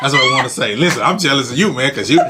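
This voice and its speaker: A man's voice: mid-range voice, big pitch swings, over a noisy crowd. A man hosting a casual interview, upbeat and chatty. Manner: upbeat, chatty, quick with laughs. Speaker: podcast host. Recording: faint background noise.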